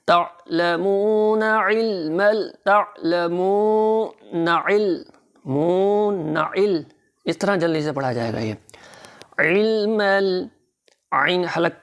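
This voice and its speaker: A man teaching Quran recitation rules in a methodical, instructive tajweed lesson. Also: on the high side.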